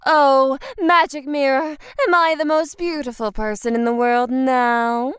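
A woman's voice: high-pitched, steady tone, a little slow, fairly bright tone, no echo, clean studio sound, voice pushed up. A woman voicing a vain, imperious wicked queen. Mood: haughty.

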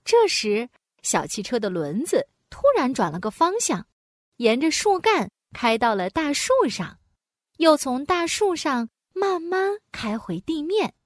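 A woman narrating a children's storybook in an animated, sing-song way, with playful sound words. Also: sits high, a little slow, no echo, clean studio sound.

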